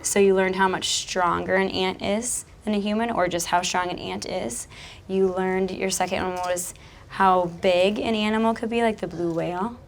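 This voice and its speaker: With a steady, medium-pitched voice, some vocal fry, and a moderate pace, a woman who teaches kindergarten explains her teaching and guides an interactive picture-book read-aloud. Her style is instructional, going back over answers and expanding them, and a little hiss or hum can be heard.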